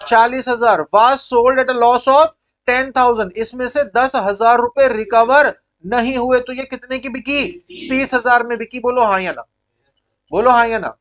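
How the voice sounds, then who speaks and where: High-voiced Indian man teaching accounts. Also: measured pace, fairly bright tone. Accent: Indian English. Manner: quizzing pupils, repeating key points. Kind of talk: classroom-style lecture.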